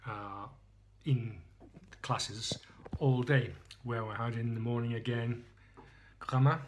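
Man, casual beer-tasting vlog, rambling, self-mocking, handheld phone video, mid pitch. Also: fairly even intonation, takes it slowly, a little hiss or hum. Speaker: beer reviewer.

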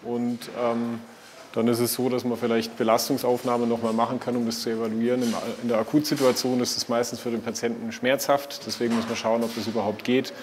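Male surgeon, 30s, calm and matter-of-fact, hospital ward, faint ambience. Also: mid-range voice, brisk, slight background noise. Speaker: trauma surgeon. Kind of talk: explaining findings to patients and camera.

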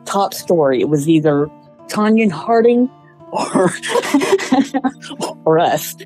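Low, mellow-voiced woman. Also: lively intonation, slow, faint music behind, rough recording. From East Texas. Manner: emotional, laughs nervously, acts out quoted voices, voice climbs when indignant. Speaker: interviewee, accused mother. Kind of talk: recounting a personal ordeal in an interview.

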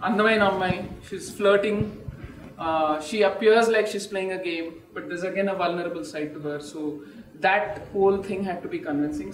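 Quick, high-voiced man. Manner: quick, mixing Telugu with English. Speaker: film director. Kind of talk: interview answer. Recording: echoey room, mic at a distance.

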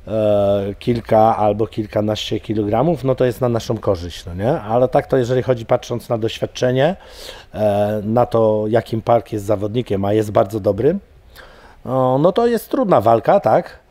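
A man's voice: on the low side, moderate pace, mellow, no echo. A middle-aged man, an MMA coach, talking casually in an interview, rambling with many fillers and repeated words. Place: studio with banner backdrop.

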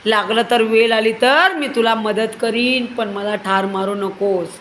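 A woman voicing a tiny frightened male mouse who begs softly in a storybook tale. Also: a little high, unhurried, slight background noise. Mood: pleading.

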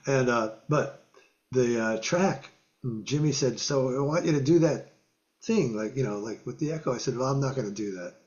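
Calling in on a webcam from his home music room with guitars on the walls, an older guest musician spins animated stories in a casual interview. His voice is mid-pitched and slightly muffled, at normal speed, and he often laughs while acting out quotes and guitar sounds.

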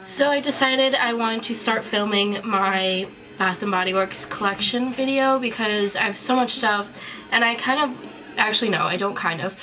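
This low-quality clip has a woman in her twenties with a mid-range, pushed and bright voice speaking at normal speed. She's a vlogger with a cold, chatting casually on camera in a small indoor bedroom as she shows off a collection.

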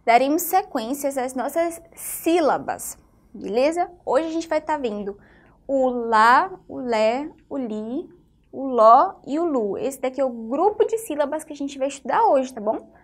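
A woman's voice: sits high, lively intonation, unhurried. A woman teaching a phonics lesson to young children, patient and often checking that they follow, with a Brazilian Portuguese accent. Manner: patient, keeps checking in with the class.

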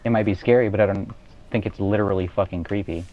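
A man's voice: on the low side, fairly even intonation, fast talker, muffled recording. A young man in casual gaming voice chat, trading crude and silly banter. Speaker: online gamer.

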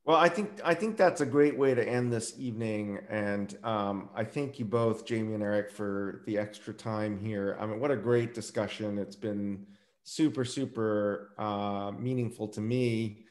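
A man's voice: fairly low pitch, fairly even intonation, a little slow. A man hosting a video call meetup, thanking his guests in an appreciative, rambling way. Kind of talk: casual video call discussion. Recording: roomy video call audio.

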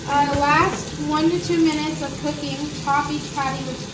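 A woman's voice: high voice, fairly even intonation, moderate pace, far from the mic. A young woman reading recipe steps aloud in a home kitchen, a bit hesitant. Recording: roomy, off-mic in a noisy kitchen.

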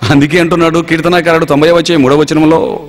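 Recorded with long reverb, this preacher's voice sits on the high side and comes across fast and flat. His dramatic sermon has him acting out everyday scenes and dialogue like a storyteller while asking his congregation questions.

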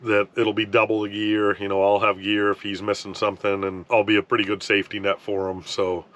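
Speaking fairly quickly in a lowish voice, a fishing vlogger in his thirties rambles casually to camera from an ice fishing tent on a frozen lake. Wind is audible outside. He's relaxed, with frequent restarts and plenty of "you know".

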